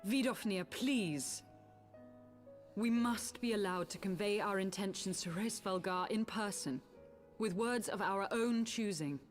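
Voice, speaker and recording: A woman's voice: medium pitch, measured pace, natural voice. An actress playing an earnest, noble young woman envoy with formal, pleading diction. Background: game music.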